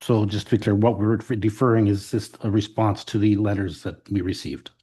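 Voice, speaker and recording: A man's voice: on the low side, steady tone, moderate pace, dark tone, slightly rough. A man serving as deputy mayor, asking procedural questions at a council meeting.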